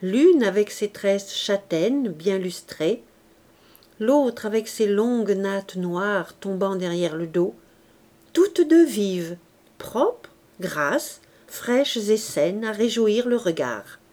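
A woman reading a classic novel aloud as an audiobook narrator, measured and careful. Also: mid-range voice, expressive, mellow. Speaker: audiobook reader. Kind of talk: scripted narration.

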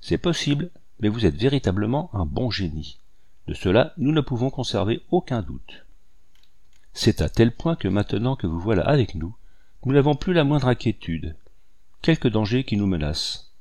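A man's voice: fairly low pitch, very animated, moderate pace, darkish tone. A man reading a sweet coaxing young woman. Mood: affectionate. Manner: coaxing, fond.

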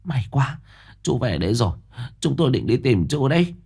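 A man's voice: medium pitch, sing-song, moderate pace, creaky, dark tone, slightly rough, voice pushed up, exaggerated voice. A man voicing an anxious, bossy older village woman who presses and urges. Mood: urgent. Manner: urgent, insistent.

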